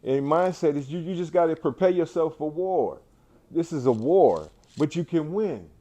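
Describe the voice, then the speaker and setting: A man's voice: fairly high pitch, lively intonation, moderate pace, warm tone. A man and cancer survivor giving an inspirational, faith-driven talk to an audience indoors. He is emphatic, repeats his phrases and often restarts. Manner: faith-driven, preacher-like delivery.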